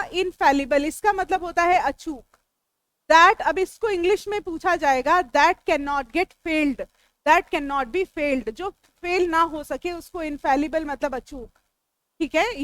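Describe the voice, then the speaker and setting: In a classroom lecture, a woman with a high, slightly bright voice and an Indian English accent teaches English vocabulary. She goes through each word slowly, splitting it into parts, explaining its meaning step by step, and trading questions and answers with students. The recording is close and dry, without echo.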